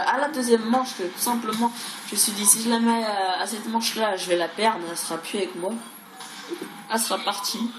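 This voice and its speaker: A woman talks casually over gameplay in a roomy, echoing space. She rambles, repeating and stumbling over words. There is clear noise behind her mid-pitched voice. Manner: mild crude swearing. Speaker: gaming video creator. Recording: roomy echo, clearly noisy background.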